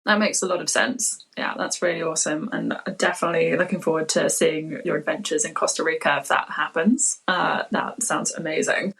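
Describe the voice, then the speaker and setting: A woman's voice: deep voice, steady tone, a little fast, gravelly, hardly any pauses, a bit bright, breathy edge, poor audio. A woman hosting a podcast, asking friendly, loosely worded questions. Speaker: podcast host. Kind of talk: interview questions.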